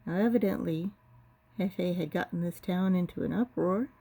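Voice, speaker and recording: A woman telling a family story from her childhood in a relaxed, rambling way, stringing events together with lots of "and"s. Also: fairly low pitch, normal speed, gravelly.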